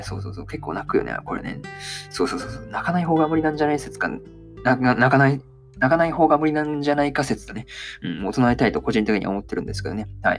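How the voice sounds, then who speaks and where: A man in his twenties hosting a casual solo anime review podcast, talking in a rapid, stumbling way full of fillers. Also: on the low side. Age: 20s. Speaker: podcast host.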